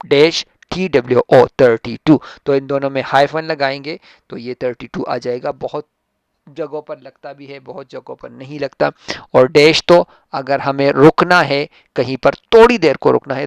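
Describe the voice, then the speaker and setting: Male tutor, from Pakistan, mid-pitched gravelly voice, patient explainer, dry close-mic lesson recording. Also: dry recording. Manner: explains patiently, reads English sentences slowly and emphatically. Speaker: English teacher. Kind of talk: classroom-style textbook lesson.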